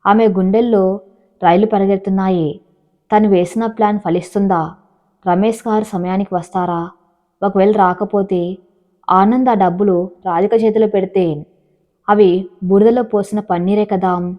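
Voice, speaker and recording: A woman narrating an audiobook story in a steady, dramatic storytelling manner. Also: medium pitch, normal speed, long pauses. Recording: dull lo-fi audio.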